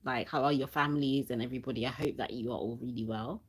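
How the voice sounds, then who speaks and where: A woman's voice: extremely low pitch, fairly even intonation, fast, breathy edge. A young woman hosting a casual livestream, chatty and laughing often, reading viewer comments aloud, with a cough sweet in her mouth and a sore throat. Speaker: channel host.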